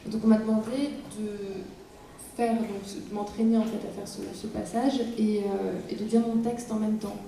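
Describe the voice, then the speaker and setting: A woman's voice: medium pitch, fairly even intonation, moderate pace, creaky, dark tone, slight background noise. A young adult woman, an actress guest, telling stories at a festival panel, hesitant with many fillers. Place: large hall. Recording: echoey hall from far off.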